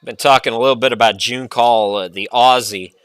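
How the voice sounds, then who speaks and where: Guy doing play-by-play for a basketball game, bright forceful voice, dry close sound, rambles off on tangents. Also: medium pitch, brisk, smooth, no echo. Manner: chatty, rambling asides between excited calls. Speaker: play-by-play announcer.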